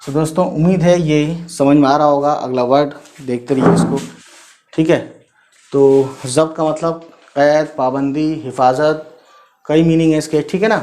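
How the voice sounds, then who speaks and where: A man teaching as a language tutor, talking casually, slowly sounding out letters and often adding little tag questions to check on his students. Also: fairly high pitch, steady tone, a little mellow. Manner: slow, repeats letters and sounds out spellings; frequent "theek hai" and "hai na" tags.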